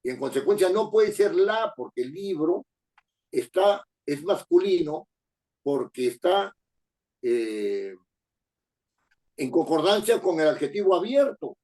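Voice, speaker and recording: Hombre mayor que da clase con tono enfático. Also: male voice, fairly high pitch, very animated, slow pace, pauses often, mellow, low-quality recording. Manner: emphatic, repeats phrases, asks for confirmation. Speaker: lecturer. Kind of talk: classroom lecture.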